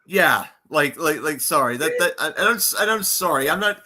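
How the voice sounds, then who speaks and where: A man's voice: a little high, expressive, a little fast, bright, forceful tone. A man in casual chat, rambling and stammering with lots of repeated words. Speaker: fan voice actor, co-host.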